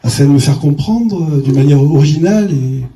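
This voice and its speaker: A man's voice: a little high, animated, a little fast, mellow, reverberant, far from the mic. A stand-up comedian man telling a crude story on stage, with a bawdy, punchy delivery and sudden jumps in his voice.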